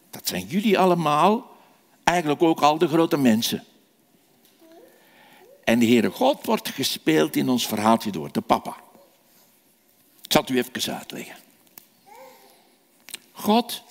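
A man telling a children's sermon, animated and asking the children questions. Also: a little high. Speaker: children's preacher. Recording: echoey hall reverb.

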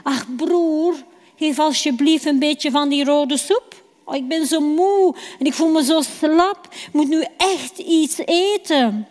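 Esau: woman voicing a high, pleading, impatient hungry hunter in a reverberant hall. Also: takes it slowly, a little mellow. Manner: pleading, whiny, eager.

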